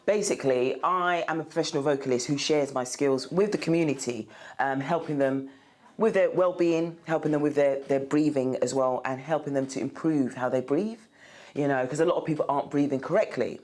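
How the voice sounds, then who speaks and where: A woman's voice: low-pitched, brisk, a little mellow. A woman from North London, a professional vocalist, talking casually in an interview. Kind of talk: interview speaking to camera.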